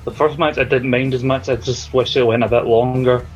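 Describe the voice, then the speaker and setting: A man's voice: medium pitch, fairly even intonation, a little fast, muffled recording, faint music behind. A man giving opinions in a casual wrestling podcast chat, loose and conversational. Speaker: podcast panelist.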